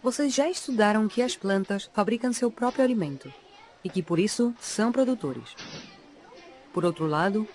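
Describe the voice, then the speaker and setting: A woman's voice: mid-range voice, lively intonation, moderate pace, music in the background, lightly acted. A woman playing an encouraging schoolteacher in a scripted educational cartoon, explaining to pupils.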